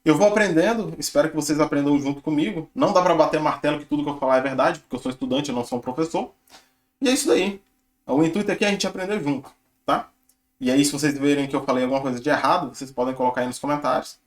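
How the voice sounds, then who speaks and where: A man's voice: a little high, rapid-fire. A young man, casually walking viewers through his notes on learning Japanese and chatting with lots of tag questions. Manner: chatty, relaxed, filler-heavy with tag questions. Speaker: channel host sharing his Japanese study. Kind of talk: casual screen-share walkthrough.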